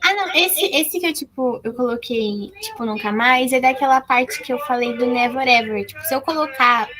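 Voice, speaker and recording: A woman's voice: high-pitched, moderate pace, bright, forceful tone. A woman student asking a hesitant question on a video call, saying "tipo" often. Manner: hesitant, uses "tipo" a lot.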